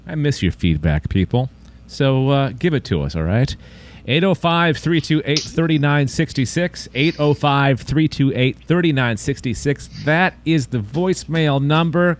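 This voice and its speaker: A man hosts a casual podcast, steering the segments. His voice moves lively up and down as he jokes with the others. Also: a little high. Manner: lively, jokey segment-leading. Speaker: podcast host. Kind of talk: casual chat.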